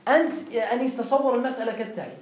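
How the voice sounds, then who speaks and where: Fast-talking male grammar teacher, roomy classroom. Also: very high voice, far from the mic. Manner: explains step by step, quizzing students. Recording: roomy classroom with faint noise.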